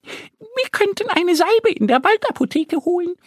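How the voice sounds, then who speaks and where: A man voicing a small, eager girl duckling in a children's audio story, in a high, breathy childlike voice. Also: lively intonation, unhurried, no room sound, clean studio sound. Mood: cheerful.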